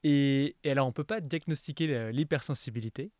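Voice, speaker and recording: A man's voice: mid-range voice, no room sound. Man hosting a podcast, dry close sound. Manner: relaxed, asks questions and explains carefully with pauses. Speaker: podcast host, interviewer. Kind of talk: casual podcast interview.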